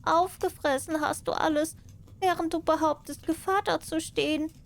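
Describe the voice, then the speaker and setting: A woman's voice: extremely high pitch, fairly even intonation, moderate pace, creaky, pitched above the performer's own voice. A woman voicing a small, trusting female mouse in a fairy tale, earnest and inquisitive. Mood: dismayed.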